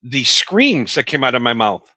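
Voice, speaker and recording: Middle-aged male co-host, bright and forceful tone, dry close sound, animated self-mocking storyteller. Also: medium pitch, normal speed, no room sound. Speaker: podcast co-host. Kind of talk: casual stoner chat. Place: small studio.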